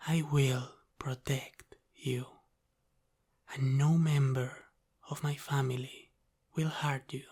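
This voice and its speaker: This is a man in an intimate ASMR roleplay as an Italian-American mafia boss who teases and protects. His mid-range voice stays level, soft and deliberate, slipping now and then into whispers, and the mood is reassuring and protective.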